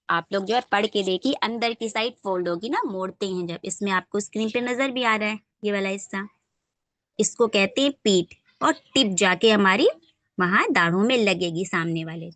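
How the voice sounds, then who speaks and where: A woman's voice: mid-range voice, fairly bright tone, dry recording. A woman teaching children Quran pronunciation in an online class, patient and often checking that they understand.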